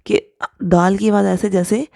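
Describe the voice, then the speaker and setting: A woman's voice: mid-range voice, flat delivery, creaky, dark tone, no room sound, studio quality. A woman teaching Quran recitation rules step by step. She patiently explains and demonstrates each letter sound. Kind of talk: step-by-step tajweed lesson.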